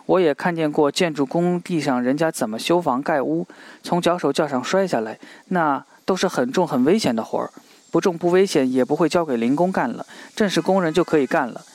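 A man's voice: fairly high pitch, a little fast, darkish tone, dry recording, close to an everyday voice. A man reading an earnest young man pleading. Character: earnest young male geologist, worried and pleading.

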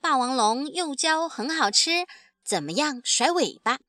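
A woman storyteller reading a picture book aloud in an animated way, acting out the sound effects. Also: high-pitched, measured pace, no room sound, clean studio sound.

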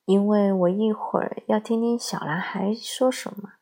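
A woman giving calm, measured scripted narration of a parenting essay. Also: medium pitch. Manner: slow, measured, calm storytelling.

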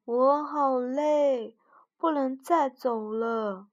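A woman voicing a small, excitable young male frog in a storybook, eager and pleading, turning whiny when tired. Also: high voice, a little slow, dull audio, pitched above the performer's own voice.

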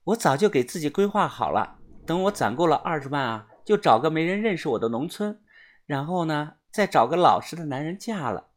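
A woman's voice: low-pitched, fairly quick. A woman voicing a wry, world-weary young woman. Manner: flat, wry, matter-of-fact.

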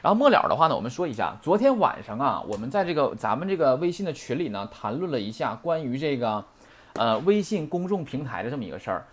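A man's voice: mid-range voice, big pitch swings, fast talker. A man teaching a Japanese grammar lesson, colloquial and full of rhetorical questions to his students.

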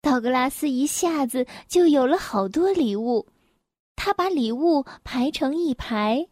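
A woman reading a children's picture book aloud, gentle, clear and expressive. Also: high-pitched, measured pace, no room sound, clean studio sound. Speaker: storyteller.

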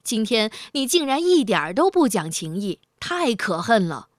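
A woman's voice: high voice, animated, fairly quick, no echo, clean studio sound, pitched above the performer's own voice. A woman voicing an indignant storybook cat. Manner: indignant, loud and scolding. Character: drowsy then furious male house cat.

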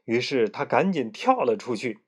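A storyteller narrating a classic tale for children, gentle and expressive, trailing off softly at line ends. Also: medium pitch, normal speed, slightly rough.

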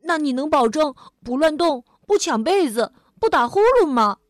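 A woman doing a bright, eager little boy. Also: high voice, moderate pace, no room sound, clean studio sound. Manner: bright, excited, coaxing.

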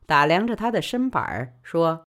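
A woman storyteller narrating a novel in a Wuhan dialect with expressive delivery. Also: low voice, normal speed. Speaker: audiobook storyteller.

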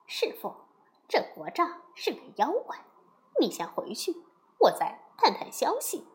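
A woman voicing a clever, bold monkey disciple in a storybook reading, brisk and confident. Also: sits high, huge pitch swings, exaggerated voice. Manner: brisk, confident and quick-witted. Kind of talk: children's storybook voice acting.

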